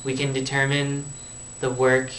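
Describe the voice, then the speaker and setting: This physics explainer reads from a script in a monotone, fairly bright mid-range voice, taking an unhurried pace. The sound is echoey and distant, a noisy amateur recording.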